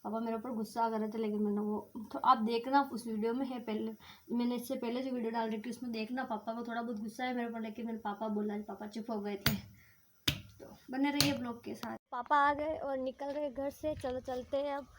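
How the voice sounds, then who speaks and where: A woman's voice: fairly high pitch, fairly even intonation, fairly quick. A young woman from India with a Rajasthani Hindi accent, chatting to her viewers in a casual village vlog and rambling through everyday stories. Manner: chatty, rambling storytelling to camera. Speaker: village vlogger. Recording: noisy phone recording.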